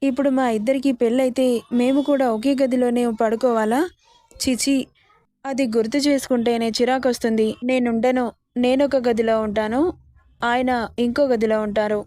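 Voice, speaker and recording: A woman's voice: on the high side, steady tone, normal speed, warm tone, dry recording, clean studio sound, close to an everyday voice. A woman voicing an innocent, naive young bride-to-be who keeps asking pleading questions, read in her own voice for a storybook reading. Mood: bewildered.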